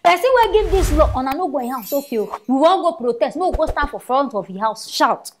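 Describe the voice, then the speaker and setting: A woman's voice: high-pitched, fast, slight background noise. A woman with a Nigerian accent giving casual, scolding commentary as a vlogger. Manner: animated, scolding.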